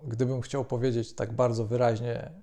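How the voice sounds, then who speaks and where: A man teaching French grammar, speaking in a measured way with frequent hesitations. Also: mid-range voice, little pitch movement, warm tone. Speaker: language teacher. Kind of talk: explanatory lesson.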